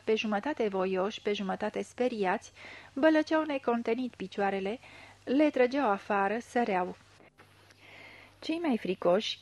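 A woman reads a literary novel aloud in a measured, steady storytelling manner. Her voice sits in a middle pitch and is close to the mic, with a dry sound and no room. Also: no room sound. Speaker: audiobook reader. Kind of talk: scripted literary narration.

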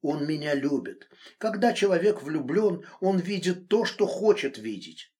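Brief: male reader as a quiet, steady young woman in an audiobook, slightly raised voice, lively inflection. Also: a little high, a little slow. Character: young woman, calm and stubborn under pressure. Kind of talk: audiobook reading.

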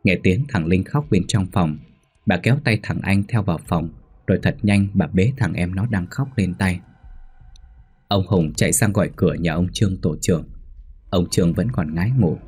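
A man narrating a ghost story in a steady storytelling manner. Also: low-pitched, husky.

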